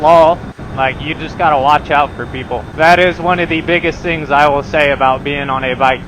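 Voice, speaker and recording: A man vlogging as he rides, talking casually to viewers in slangy, profanity-laced language. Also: on the high side. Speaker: motorcycle vlogger. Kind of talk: casual riding commentary to viewers. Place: outdoors, riding a motorcycle on the road. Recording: noisy outdoor motorcycle ride, engine and traffic.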